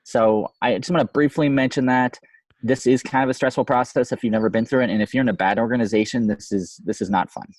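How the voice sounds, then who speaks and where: A man's voice: medium pitch, fairly even intonation, fast talker, a little mellow, no room sound. A man co-hosting a casual podcast discussion, his voice slightly fuzzy and distorted from too much microphone gain. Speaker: podcast co-host, software developer. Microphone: close microphone with gain too high.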